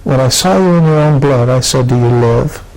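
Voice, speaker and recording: A man's voice: mid-range voice, normal speed, darkish tone, close to an everyday voice, rough recording. A man voicing God, solemn and emphatic.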